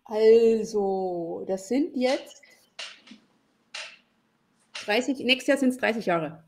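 A woman in her forties speaks over a video call, her fairly high voice carrying a gravelly edge. She talks reflectively, stopping often on little fillers and "ne?" tags. It is the easy back-and-forth of a podcast interview. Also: very slow, a little mellow, a little hiss or hum. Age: 40s. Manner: reflective, many fillers, frequent "ne?". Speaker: podcast guest, lawyer and networking expert. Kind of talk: casual conversational interview. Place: home room with shelves.

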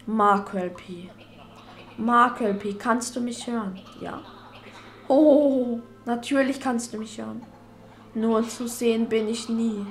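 Lady doing a calm talking amulet spirit, soft, slightly gravelly. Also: on the high side, slow, slight background noise. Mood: gentle. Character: talking magic amulet, gentle unseen spirit.

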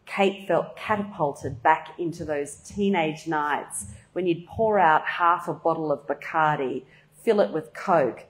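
A woman reads her own novel aloud at a bookshop event. Her voice sits low and unhurried, and she tells the story with dry, wry humor. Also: low-quality recording. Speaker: author.

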